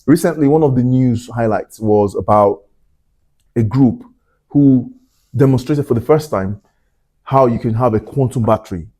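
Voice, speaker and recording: Speaking at a moderate pace with frequent pauses, this Glasgow-based science podcast host has a mellow, mid-range male voice. His interview talk is casual and rambling, peppered with fillers and side remarks.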